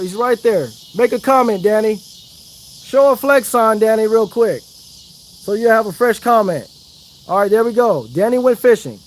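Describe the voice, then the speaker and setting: A man's voice: very high-pitched, slight background noise. A man chatting casually on a fishing livestream outdoors, hyping up his viewers. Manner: chatty, hypes up viewers, Southern slang. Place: outdoors by the water.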